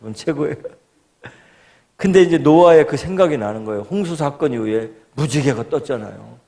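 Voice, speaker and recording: A middle-aged man preaching from the pulpit, his voice gravelly and a touch higher than most men's. He tells his story with lively animation, slipping into the voices of the people in it. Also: brisk. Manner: animated storytelling, acts out quoted prayers and voices. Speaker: guest pastor. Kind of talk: storytelling sermon. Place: church sanctuary.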